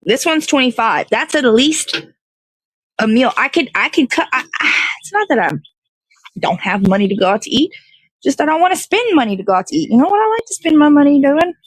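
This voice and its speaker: Out in the cold, the host of an online morning show rambles casually on a livestream, thinking aloud as she goes. Her high voice has a sing-song lilt and moves a little fast. The recording is dry and the audio quality is poor.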